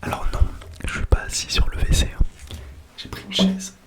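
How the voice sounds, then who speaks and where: A man whispers a casual ASMR chat very close to the mic, hushed as if quiet at night, with soft breath and lingering repeated words. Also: moderate pace. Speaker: ASMR content creator. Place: small home toilet room, indoors. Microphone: close sensitive microphone without windscreen.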